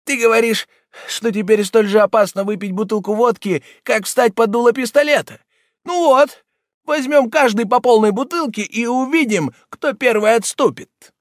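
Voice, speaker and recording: A reckless, despairing young man bellows his dare, his voice pushed high and strained. A man acts him out in an audiobook reading. The sound is close and dry. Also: moderate pace, dry recording. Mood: angry defiant. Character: drunk, desperate man turning reckless and defiant.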